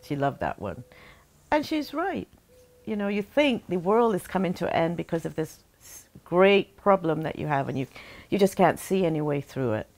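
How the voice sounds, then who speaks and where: Low-voiced Barbadian woman reminiscing. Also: sing-song, darkish tone. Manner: halting and heartfelt, many pauses and restarts. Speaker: interviewee, daughter remembering her late mother. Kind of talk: reflective interview talk.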